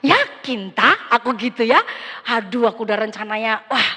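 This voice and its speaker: A young woman pastor preaches in a high, bright voice, telling her story in a lively, chatty way. Her words carry a long reverb from the big church hall around her. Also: normal speed, breathy edge. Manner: conversational, animated storytelling with quoted dialogue. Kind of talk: sermon with personal testimony.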